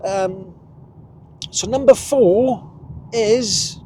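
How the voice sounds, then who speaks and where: A Welsh vlogger in his fifties rambles chattily while driving, recording inside his car and chuckling at himself. His voice is high, extremely slow and dark in tone, with a little hiss or hum.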